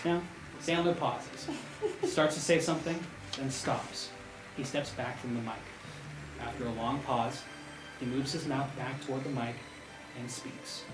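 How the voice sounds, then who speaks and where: Reading stage directions aloud at a table read, a male narrator sometimes trips over his lines and easily breaks into laughter. His mid-range voice has fairly even intonation and moves a little slowly. It's picked up by a distant mic in a roomy space, with music playing behind.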